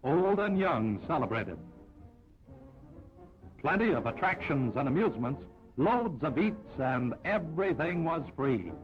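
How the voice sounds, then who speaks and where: A man narrating an old 1940s newsreel in a brisk, upbeat announcer style. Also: on the high side, very animated. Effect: old newsreel sound. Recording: dull lo-fi 1940s film audio with music.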